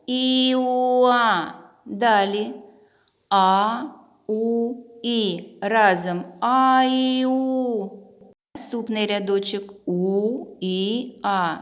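A woman teacher giving a literacy lesson to young children, drawing out each sound and chanting letters aloud. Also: medium pitch. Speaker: primary school teacher.

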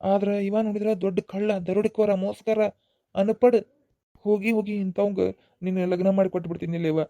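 A man's voice: high-pitched, flat delivery, normal speed, warm tone, no echo, natural voice. A man voicing an aging father of a grown daughter in a cartoon, with a North Karnataka accent, scolding and emotional, repeating himself. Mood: remorseful. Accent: North Karnataka Kannada. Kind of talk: cartoon voice acting.

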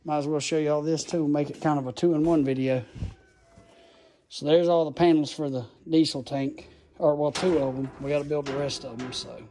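A man's voice: on the high side, steady tone, moderate pace, mellow, a little hiss or hum. A man giving an enthusiastic, folksy tool review, filmed on a handheld phone outdoors and in a garage. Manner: enthusiastic, folksy, rambling explanations. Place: outdoors in a gravel yard, then a garage. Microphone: phone camera held in hand.

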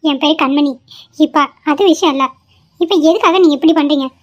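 A woman's voice: high voice, a little fast, muffled recording, lightly acted. A woman voicing an indignant young wife in a cartoon, scolding her brother-in-law. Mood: reproachful. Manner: indignant, reproachful.

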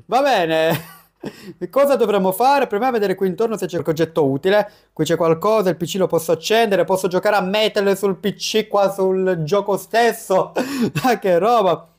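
A young man giving chatty, excitable let's-play commentary as a gaming YouTuber, breaking into quick panicked yelps. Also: sits high.

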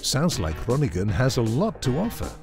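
A woman interviewer asking scripted questions in voice-over with a bright manner. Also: extremely low pitch, moderate pace. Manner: bright, very lively intonation. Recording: background music under the voice.

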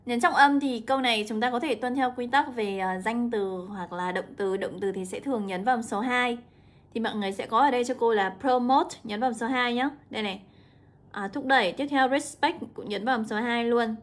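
A young woman, an English teacher walking students through an exam, drawing out example words slowly. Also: on the high side, steady tone. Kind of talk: exam walkthrough lesson.

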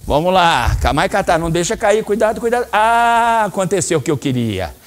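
A man's voice: high voice, fairly quick. A middle-aged man with a Brazilian Portuguese accent teaching a children's karate class in a training hall, calling out commands and explaining techniques. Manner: lively, coaching commands to children. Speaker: karate instructor.

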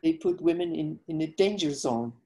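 A woman's voice: low voice, expressive, moderate pace, warm tone, low-quality recording. An older woman from Guatemala, a foundation president, explaining her work earnestly over a video call while feeling weak from illness.

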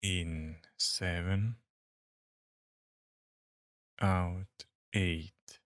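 A man guiding a Zen meditation with slow breath counting, as a meditation guide. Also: sits low, fairly even intonation, a bit bright, no echo, studio quality.

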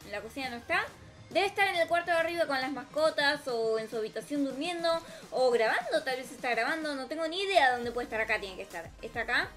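A woman's voice: high voice, animated, fast, fairly bright tone. A woman with an Argentine accent improvising theatrical role-play commentary over gameplay, talking to viewers and herself. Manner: theatrical, melodramatic, talks to viewers and self. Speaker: gaming video host. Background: music.

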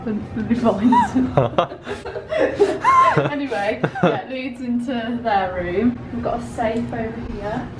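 A young woman talks to a handheld camera in a bright, slightly high voice, giggling and tossing off quick asides. Her casual vlog chat sits over loud background noise. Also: wildly swooping pitch. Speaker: vlogger. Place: airport terminal, then hotel room. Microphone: handheld camera at arm's length.

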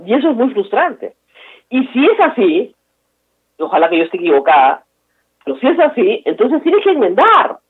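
A Peruvian woman hosts a political talk show, giving emphatic, opinionated commentary and repeating key words for stress. Her slightly high, sing-song voice has a breathy edge and moves at a moderate pace over a tinny phone line.

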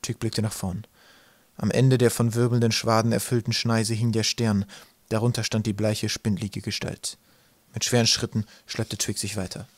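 A man reading an audiobook aloud in a measured storytelling manner. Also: on the low side, little pitch movement. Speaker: audiobook narrator. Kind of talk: scripted narration.

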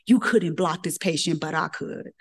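A middle-aged woman physician giving a lecture as a lively, colloquial personal story, acting out the voices she quotes. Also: deep voice, normal speed, slightly rough.

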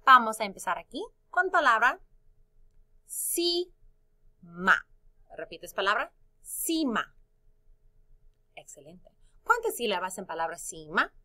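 A woman's voice: on the high side, sing-song, sharp tone. A woman teaching a phonics lesson to young children, stretching out syllables and singing little sound cues. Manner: slow and drawn out, sings out syllables and sound cues.

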